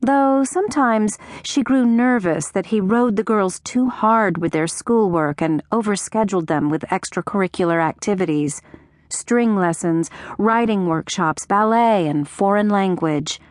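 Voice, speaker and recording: A woman reading a novel aloud as an audiobook narrator, in a gentle storytelling manner with wry asides. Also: mid-range voice, unhurried, dry recording, clean studio sound.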